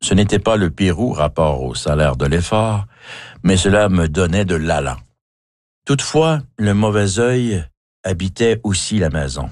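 Deep-voiced Québécois man reading a memoir. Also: a little mellow, no room sound, studio quality. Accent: Québécois French. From Quebec. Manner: measured, wry, slightly theatrical. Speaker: author narrating his memoir. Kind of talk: reflective autobiographical reading.

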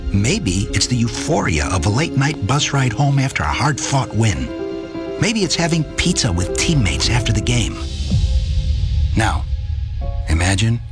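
A man reading a scripted radio ad in a nostalgic, persuasive manner. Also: on the low side. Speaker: ad announcer.

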